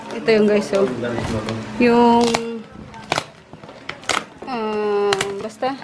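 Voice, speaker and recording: A woman chatting casually in a home vlog, playful and laughing, cooing baby talk at her dog. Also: a little high. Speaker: vlogger. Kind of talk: casual family vlog chat. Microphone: handheld compact camera. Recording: noisy home camera audio.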